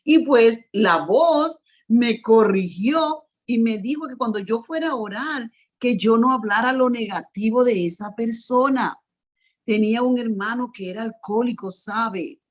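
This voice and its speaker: An earnest woman preaches a sermon, stacking up repeated phrases to drive each point home. She mixes teaching with personal testimony and often turns to the listener directly. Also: fairly high pitch. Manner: speaks directly to listeners with asides.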